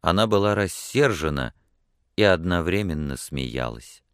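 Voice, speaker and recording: A man reading a novel aloud in steady, scripted audiobook narration. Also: low-pitched, measured pace, smooth, no room sound, studio quality.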